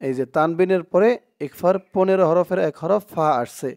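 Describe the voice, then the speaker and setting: A man teaching Quran reading, spelling out letters and vowel marks one by one, then chanting the Arabic words in a drawn-out, louder voice. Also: high-pitched, no echo, studio quality. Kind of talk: slow spelling-out recitation lesson.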